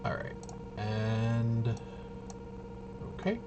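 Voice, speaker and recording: This tabletop RPG channel host has a mid-range, animated voice and speaks very slowly, and the audio is dull and very noisy. He rambles casually through a game walkthrough, muttering to himself with playful asides as he thinks out loud.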